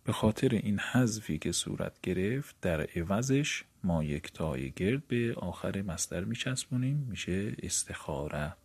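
A man's voice: low voice, lively intonation, hardly any pauses, darkish tone, breathy edge, no room sound. A man giving a methodical lecture on grammar rules to fellow seminary students, walking through each step of a rule. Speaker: teacher of Arabic morphology.

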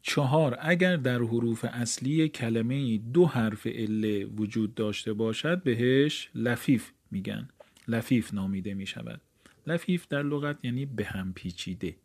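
A man teaches a grammar lesson in a mellow, darker voice. He reads a line from the textbook, then puts it into casual, everyday words. His pitch sits in the middle range for a man. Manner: reads the book aloud, then explains it in casual speech. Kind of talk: explaining Arabic grammar from a textbook.

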